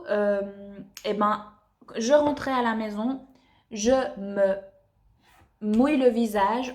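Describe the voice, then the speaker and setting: A woman's voice: medium pitch, darkish tone. A young woman reviewing beauty products in a chatty, enthusiastic way with lots of fillers. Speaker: beauty vlogger.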